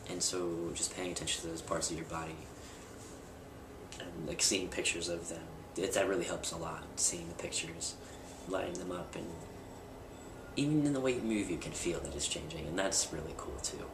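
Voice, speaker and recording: A young man with a low voice talks at a moderate pace in a candid personal vlog, rambling a bit with fillers and false starts. He's recorded on a camera mic from a distance, so the sound is roomy and far off, with loud background noise.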